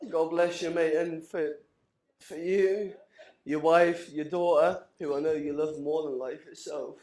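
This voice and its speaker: Unhurried and steady in tone, a slightly high, darkish male voice carries a rambling best man speech full of emotion and laughter between lines. He's in his thirties, tipsy, and the wedding reception hall echoes.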